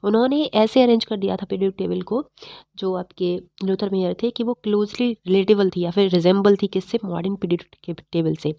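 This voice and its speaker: A woman teaching chemistry in a fast, repetitive exam-prep lecture, slightly unwell. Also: medium pitch, creaky, mellow, no room sound, studio quality. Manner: fast-talking, repetitive quizzing of students.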